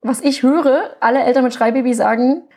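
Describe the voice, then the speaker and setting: A woman's voice: sits high, brisk, dark tone. A woman hosting a podcast interview, asking open questions and giving short affirmations. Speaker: podcast host. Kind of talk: interview host.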